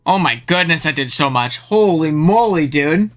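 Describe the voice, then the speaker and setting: Faint music plays behind a streamer calling a game match live at normal speed. The talk is casual, slangy and excitable, and the voice shoots up high when things get thrilling.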